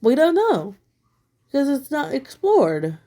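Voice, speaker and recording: A woman online commentator, slightly sick with a still-bothersome throat, gives blunt, critical commentary at home, using many fillers. Her voice is high-pitched and dark, with huge pitch swings, and she takes it slowly.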